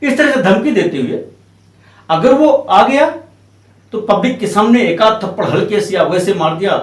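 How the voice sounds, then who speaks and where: Male advocate guest, animated storyteller, higher voice, recorded off-mic in a roomy space. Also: moderate pace, far from the mic. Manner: animated, acts out quoted voices in his story. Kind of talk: explanatory storytelling in an interview.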